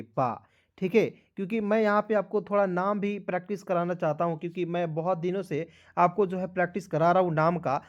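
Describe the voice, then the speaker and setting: A man's voice: sits high, darkish tone. A man teaching English spelling and pronunciation, drilling each word and asking the viewers questions back. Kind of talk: spoken spelling lesson.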